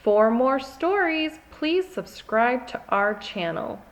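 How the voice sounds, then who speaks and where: High-pitched, animated woman reading a storybook. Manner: expressive, deliberate storytelling. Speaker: children's storybook narrator. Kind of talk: scripted read-aloud narration for young children.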